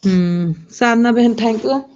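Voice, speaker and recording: A woman's voice: on the high side, takes it slowly, darkish tone, lo-fi sound. A woman hosting a casual live stream, chatting with viewers and scolding and soothing children in between.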